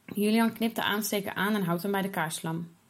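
A woman reading a children's story aloud in a steady, expressive way. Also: medium pitch, fairly quick.

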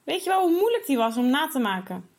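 A woman's voice: high voice, very animated, quick pace, darkish tone, pitched above the performer's own voice. A woman voicing an indignant, hot-tempered young boy in a children's story. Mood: angry. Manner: indignant, outraged protests.

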